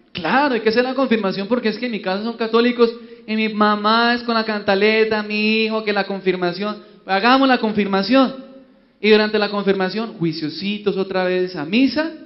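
A man with a Colombian accent preaching a humorous sermon, telling a joke and quizzing his audience. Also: high-pitched. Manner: joking, storytelling, asks audience. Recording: dull lo-fi, long hall reverb.

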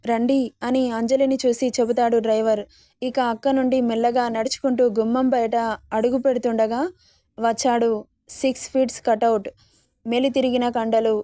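A woman's voice: a little high, warm tone, no echo, clean studio sound. Woman reading a love story aloud. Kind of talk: scripted story narration.

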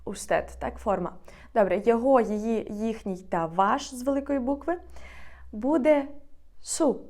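A woman giving a grammar lesson, patiently repeating each example slowly. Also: fairly high pitch, darkish tone. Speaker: Spanish teacher.

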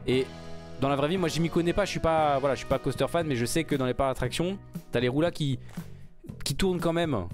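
A man giving casual, excited commentary while reacting to a game trailer, rambling with many fillers and restarts. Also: a little high, brisk, faint music behind. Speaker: gaming YouTuber reacting to a trailer.

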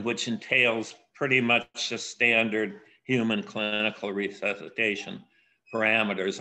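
This keynote academic lecture comes from an older man from the USA who speaks deliberately, often pausing and using fillers. He has a fairly low voice with a sharp tone.

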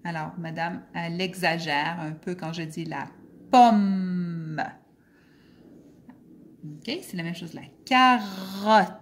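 A woman teacher, giving a phonics lesson to children and sounding out each word slowly and clearly. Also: low voice, fairly even intonation, fairly bright tone. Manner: slow, drawn-out word-by-word pronunciation.

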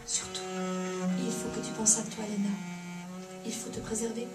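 A woman's voice: mid-range voice, normal speed, over loud music, lightly acted. A woman reading aloud voices an anxious, fussy mother who soothes her daughter and scolds her husband, in a roomy café recording from far off with a bowed viola behind. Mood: soothing. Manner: soothing and hushing, sharp when scolding.

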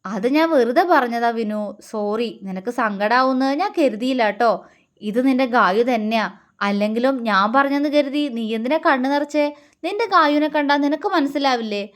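A woman's voice: sits high, normal speed, natural voice. A woman voicing a teasing but caring young man in a storybook, speaking affectionately.

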